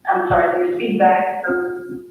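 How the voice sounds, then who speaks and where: A woman gives a formal report as a conservation district director, speaking over a choppy video-call line that keeps breaking up. She delivers it haltingly and apologetically. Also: fairly low pitch, heavy reverb, big-room sound, far from the mic, phone-quality sound, faint music behind. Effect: choppy video-call audio breaking up. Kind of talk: formal report at a public meeting. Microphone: computer or phone on a video call.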